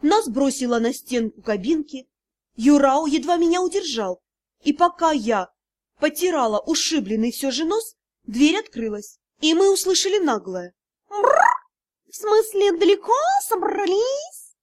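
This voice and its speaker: A woman narrating a first-person fantasy audiobook with expressive, lively storytelling. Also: high-pitched.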